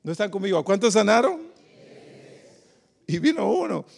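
A man's voice: sits high, sing-song, moderate pace, gravelly, long reverb tail. A pastor from the Republic, preaching a sermon and quizzing his congregation with questions. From Dominican Republic. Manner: preacherly, asks the congregation questions, calls them "queridos".

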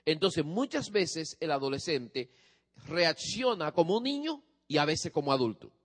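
A man with a fairly high voice lectures a live audience, pausing to put questions to them. His voice carries a long reverb in a large hall. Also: sing-song. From from a different country than his audience. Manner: engages listeners with questions. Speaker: speaker on parenting teens.

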